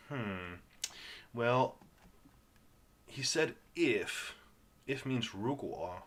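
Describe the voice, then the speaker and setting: Slow, patient man teaching phonics. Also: medium pitch, fairly bright tone, slightly rough. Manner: patient, sounds words out slowly and repeats them. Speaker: English reading teacher. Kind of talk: slow guided phonics lesson.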